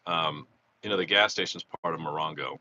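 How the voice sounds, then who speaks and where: Speaking at an extremely low pitch, a slot vlogger delivers his live monthly recap briskly and with a sharp tone. He is recovering from a cold and rambles chattily outdoors near a freeway, frequently starting over. The sound is a bit dull, with faint traffic from the freeway.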